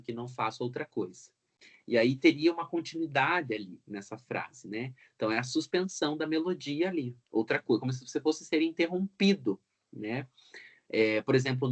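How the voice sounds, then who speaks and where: Man teaching a grammar lesson. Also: medium pitch. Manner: explanatory, frequent tag questions.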